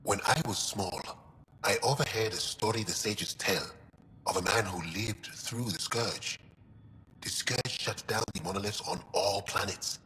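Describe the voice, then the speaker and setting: An actor voices an earnest, thoughtful male alien scientist in video game dialogue, explaining things a little hesitantly in a confiding mood. His voice is lowish, unhurried, bright and forceful. The recording has a little hiss or hum, long reverb, and music underneath.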